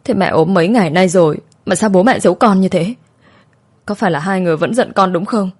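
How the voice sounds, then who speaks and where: A woman's voice: fairly low pitch, fast talker, darkish tone, husky. A woman voicing an anxious young daughter who pleads in a choked-up voice in an audio story. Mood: reproachful.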